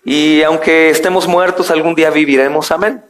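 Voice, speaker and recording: A man's voice: fairly high pitch, steady tone, moderate pace. A male pastor preaching a sermon, telling a story and reading scripture to his congregation. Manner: addresses congregation as brothers, storytelling.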